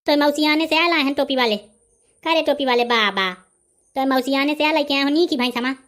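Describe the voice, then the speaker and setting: For a comedy cartoon, an actor with a Bundelkhandi accent voices a brash, argumentative village man who haggles impatiently. His voice is high and a bit bright, at normal speed.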